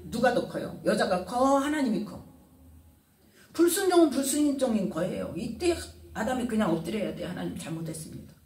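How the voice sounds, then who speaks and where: Lady pastor preaching, keeps throwing questions at the room, loud then soft, echoey and kinda far from the mic. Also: fairly high pitch, very animated, normal speed. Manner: fires rhetorical questions at the congregation, dramatic swings in loudness. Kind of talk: sermon. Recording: roomy sound from a distant mic.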